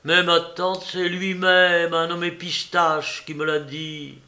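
A man's voice: fairly high pitch, little pitch movement, slow pace, pushed and bright, exaggerated voice. A man doing a cheeky wheedling young nephew. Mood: evasive. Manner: coaxing, playful, hesitant. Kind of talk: audiobook character reading.

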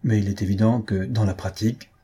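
A man's voice: on the low side, steady tone, fairly quick, warm tone, slightly rough. A man playing a stubborn, jealous husband who keeps pressing the same question. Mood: insistent.

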